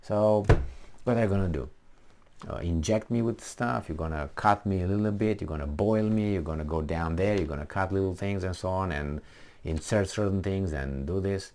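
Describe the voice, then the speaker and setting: A man, originally from Romania, giving blunt, defiant political commentary in a casual, animated way, with many restarts and fillers. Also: low-pitched, normal speed.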